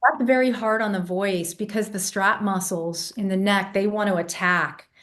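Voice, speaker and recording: In a casual interview, a vocal coach who grew up in England shares stories with animated energy, demonstrating vocal sounds. Her mid-range voice moves at a moderate pace. She's congested, which makes her less clear than usual.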